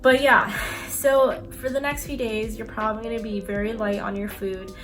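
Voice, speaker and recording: A woman's voice: on the high side, steady tone, normal speed. A woman chatting casually in an advice vlog, explaining things in a rambling, repetitive way. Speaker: vlogger, dental assistant. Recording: music playing behind the voice. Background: clear background music.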